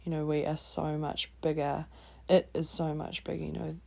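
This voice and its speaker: A woman with a New Zealand accent hosting a reflective solo wellness talk, speaking in a halting, thoughtful way with trailing phrases. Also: low-pitched, flat delivery, vocal fry, warm tone. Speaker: podcast host.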